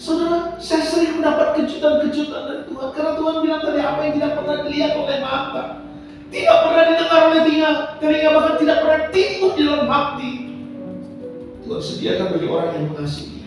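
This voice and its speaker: Older man preaching, very high voice, from sumatra, story-telling sermon, far from the mic, booming hall, music behind. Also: fast. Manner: addresses the congregation as "saudara" constantly. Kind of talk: sermon with personal stories. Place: church hall.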